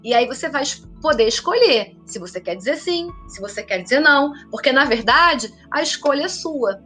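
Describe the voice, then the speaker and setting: Woman, meditation coach, high voice, earnest live-stream advice, faint music underneath. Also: expressive, moderate pace. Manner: earnest, warm-toned advice with frequent tag questions.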